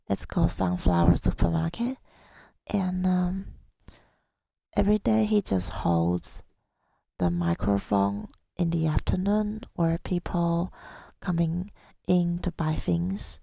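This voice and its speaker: An ASMR audio creator does an intimate girlfriend roleplay, telling about her day in a soft, husky, breathy voice that is hesitant, affectionate, and often slips into a whisper. Her pitch is fairly low, and she is close to the microphone in a dry recording.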